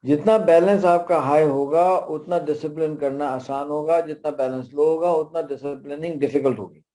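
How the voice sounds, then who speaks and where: A middle-aged man with a Pakistani accent, pitched a little high, leads a workshop in an easygoing, storytelling way. His tone is mellow and soft-edged. He often breaks off into asides. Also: fairly even intonation. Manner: conversational, anecdotal, with frequent asides. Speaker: parenting workshop speaker. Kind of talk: workshop lecture.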